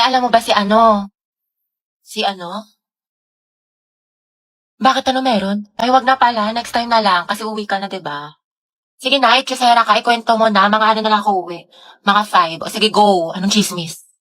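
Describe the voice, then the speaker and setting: A woman's voice: medium pitch, moderate pace, long pauses, a bit bright, close to an everyday voice. A woman with a Filipino accent playing a chatty young student bantering with classmates in a casual comedy skit. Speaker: skit performer.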